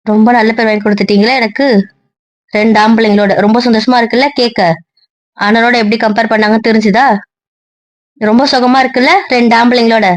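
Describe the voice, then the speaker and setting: A woman's voice: on the high side, level tone, fast talker, long pauses, no room sound, close to an everyday voice. A woman playing a hurt young wife who speaks sarcastically and coldly to her husband on the phone, in an amateur audio drama. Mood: bitter. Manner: sarcastic, cutting.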